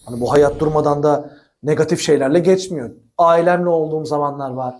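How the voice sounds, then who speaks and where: A billiards coach talking straight to viewers in his own practice room, animated and chatty, often laughing and calling them friends. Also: a little high, fairly quick. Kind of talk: instructional talk to camera.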